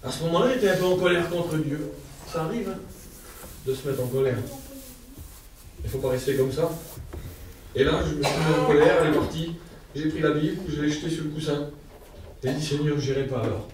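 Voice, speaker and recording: A male lay preacher gives a heartfelt testimony sermon at a church service, his speech simple and fervent, with a stammer. His voice is a little high and fairly quick, broken by long pauses, over a noisy background. It sounds distant and echoey, like a church hall.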